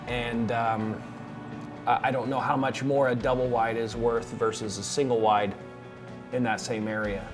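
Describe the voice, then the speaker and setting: Male vlogger, informal and conversational, mid-pitched voice, addressing viewers as a coach, faint music behind. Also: level tone, normal speed. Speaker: vlogger and real estate investing coach. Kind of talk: casual day-in-the-life vlog talk.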